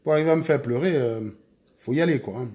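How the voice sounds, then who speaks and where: A man's voice: medium pitch, fast talker, dark tone. A man hosting a live stream, chatting casually and repeatedly urging his viewers to hurry. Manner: urgent, repetitive urging of viewers.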